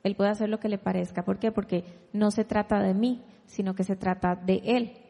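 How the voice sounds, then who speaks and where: A woman's voice: mid-range voice, steady tone, normal speed, gravelly, mellow, long reverb tail. A woman preacher giving a sermon, reading scripture aloud and posing rhetorical questions to her listeners. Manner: asks rhetorical questions and invites the audience to read along.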